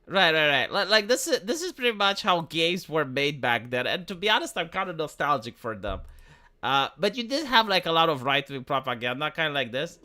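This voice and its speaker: Casually chatting on his livestream, a man from Romania rambles, curses, and keeps stumbling and starting over. His slightly high voice is sing-song and sharp, and he speaks briskly.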